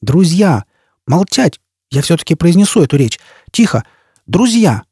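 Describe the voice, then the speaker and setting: A man's voice: on the high side, expressive, normal speed, husky, no echo, clean studio sound. A man voicing a flamboyant, hot-tempered rich showman who talks pompously and bellows. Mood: furious. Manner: bombastic, shouting.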